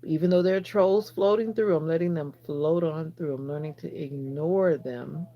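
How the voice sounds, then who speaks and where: On a lo-fi recording, a livestream host with a deep voice talks at normal speed from her phone. She keeps it casual, addressing viewers directly and answering comments between rambling tangents.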